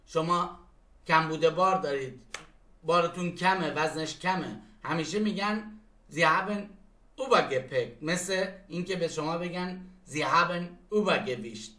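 A man teaches German phrases, saying each German sentence slowly before explaining it. His voice is high and bright. The room around him is echoey. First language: Persian. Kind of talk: language lesson.

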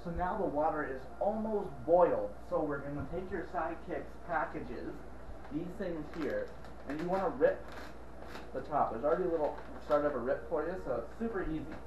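A man's voice: a little high, lively intonation, moderate pace, reverberant, distant mic, dull audio. Drunk young man, noisy amateur recording. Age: 20s. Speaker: vlogger. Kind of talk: casual amateur cooking demonstration. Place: home kitchen, indoors. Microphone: handheld camera, later set across the room.

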